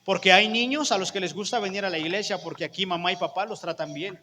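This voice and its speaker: A man's voice: high-pitched, fast talker, sharp tone. A man preaching a sermon with a Mexican accent, conversational, often putting questions to the congregation, with long church hall reverb. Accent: Mexican Spanish.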